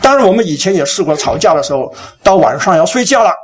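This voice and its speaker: A man's voice: high voice, quick pace. A middle-aged man preaching a sermon as a pastor, telling a story and acting out the quotes in it. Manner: animated storytelling, acts out quotes.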